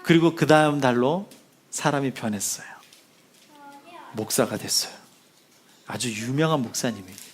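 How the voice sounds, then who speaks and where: A male pastor preaching a sermon as animated storytelling. He acts out the voices of the people in his story and sinks to a hushed, soft delivery as he closes. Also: medium pitch, moderate pace, pauses often, a little hiss or hum. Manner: drops to a hushed, soft delivery when closing.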